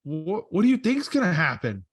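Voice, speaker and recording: A man's voice: high-pitched, huge pitch swings, normal speed, breathy edge, dry recording, clean studio sound. A man co-hosting a podcast in casual chat, rambling and correcting himself as he thinks aloud. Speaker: podcast co-host.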